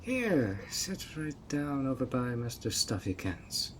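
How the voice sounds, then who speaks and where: This man plays a fairy host of a tea party, a sweet yet obsessive male fairy who sweetly schemes to coax a guest in an audio roleplay with a honeyed, playfully sly manner. His medium-pitched voice is very animated, slow and a bit bright, with a little hiss or hum.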